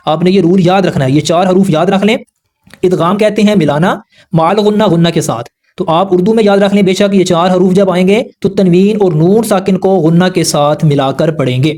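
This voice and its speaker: A man with a fairly high voice, teaching a lesson on recitation rules. He explains carefully and patiently, going over each rule again in plain words so beginners can keep up. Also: a little mellow. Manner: patient, explanatory, repeats rules slowly and simply.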